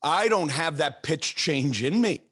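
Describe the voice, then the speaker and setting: A middle-aged man hosting a podcast interview, talking in an animated, halting way with restarts and fillers. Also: fairly high pitch, breathy edge, no echo, clean studio sound. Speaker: podcast host. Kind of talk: casual interview chat.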